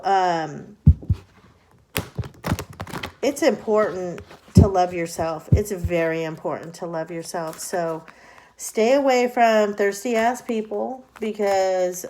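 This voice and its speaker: Older woman, tarot reader, unhurried blunt delivery, salty language, easy laughs. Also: mid-range voice, a little mellow. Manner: blunt and profane, laughs often. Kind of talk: casual advice talk to camera.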